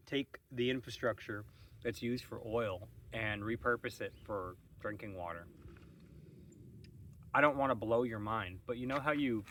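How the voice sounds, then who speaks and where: A man's voice: mid-range voice, fairly bright tone, recorded from a distance, a little hiss or hum. A man hosting a casual morning vlog, musing and rambling with wry asides while sitting outdoors on a shady farm terrace. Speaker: vlog host.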